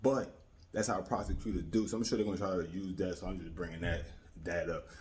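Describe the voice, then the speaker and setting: This American man has a low, steady, somewhat dark voice and talks quickly. As a YouTube commentator, he gives casual, opinionated takes in slangy street talk, repeats points for emphasis, and keeps checking that the listener is following.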